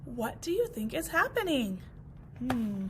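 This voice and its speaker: A woman teacher reading a picture book aloud to first graders, expressive and encouraging, asking them questions as she goes. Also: high-pitched, measured pace, slight background noise.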